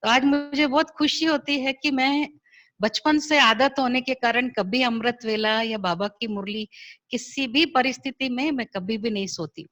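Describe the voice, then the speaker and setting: Woman, middle-aged, storytelling testimony, lively quoted dialogue, crisp bright tone, video call audio. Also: fairly high pitch, unhurried. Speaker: spiritual sister sharing her experience.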